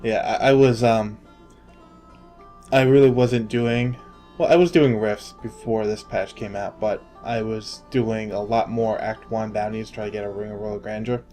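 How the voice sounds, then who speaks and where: A man's voice: fairly low pitch, flat delivery, normal speed, dark tone, soft background music. A man hosting a casual gaming podcast, joking around and laughing often, trailing off into fillers as he talks. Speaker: podcast host.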